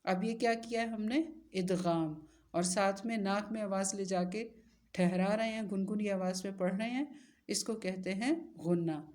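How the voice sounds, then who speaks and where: A woman's voice: medium pitch, a little mellow. Patient woman teaching recitation rules. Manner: patient, asks questions then answers them, spells letters out slowly. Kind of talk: step-by-step recitation lesson.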